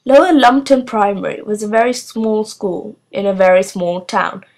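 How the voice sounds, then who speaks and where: A woman reads a children's novel aloud, narrating at a steady pace. Her voice sits at an ordinary middle pitch, and her delivery is clear and measured. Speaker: storybook reader.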